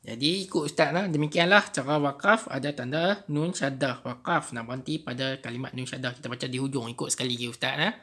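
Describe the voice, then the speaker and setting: A man with a Malaysian accent teaching young children Quran reading, drawing out each phrase slowly so they can repeat after him. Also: mid-range voice, pushed and bright, slightly rough. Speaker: Islamic studies teacher.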